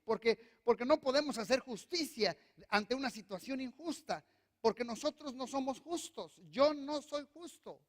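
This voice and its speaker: High-voiced pastor preaching in a reverberant hall. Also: male voice, fairly bright tone. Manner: emphatic, calls on the congregation to repeat after him. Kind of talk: sermon. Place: church hall. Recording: long reverb of a church hall.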